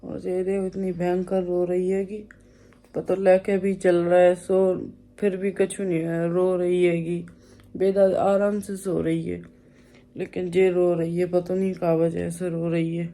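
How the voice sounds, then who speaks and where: A woman's voice: on the low side, level tone, a little slow, warm tone. A young woman with a Bundeli accent filming a casual family vlog at her village home, chatty and teasing as she talks to and about her children. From Bundelkhand, India. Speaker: vlogger and mother.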